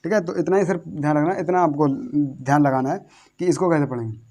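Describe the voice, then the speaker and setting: Man teacher, slightly high voice, repetitive questions and answers, slow letter-by-letter spelling. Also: warm tone. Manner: repetitive, asks the viewers questions and answers them himself; spells out words letter by letter slowly. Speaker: English teacher. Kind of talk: classroom-style lesson.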